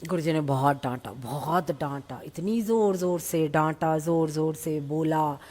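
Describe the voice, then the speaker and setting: Middle-aged lady telling stories at a satsang, lowish voice, lively, drops english bits in, room has a long echo. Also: measured pace. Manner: lively storytelling, mixing in English phrases. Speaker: devotee sharing experiences. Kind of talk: satsang storytelling.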